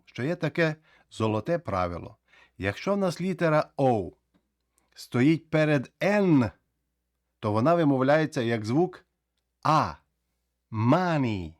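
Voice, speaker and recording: Guy teaching english vowels, lively, says words real slow over and over, dry sound. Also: mid-range voice, no echo. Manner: lively, drills words slowly again and again. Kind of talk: explaining pronunciation rules.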